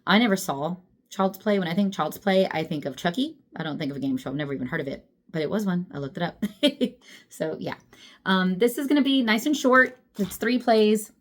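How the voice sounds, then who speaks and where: A woman's voice: on the low side, a little fast. A young adult woman chatting casually about books, laughing often and poking fun at herself. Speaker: book vlogger. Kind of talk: casual chat.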